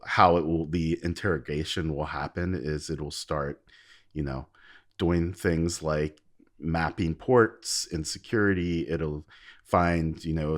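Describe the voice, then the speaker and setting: A man co-hosting a tech podcast, thinking aloud with frequent restarts. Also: very deep voice. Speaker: podcast co-host. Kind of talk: casual podcast chat.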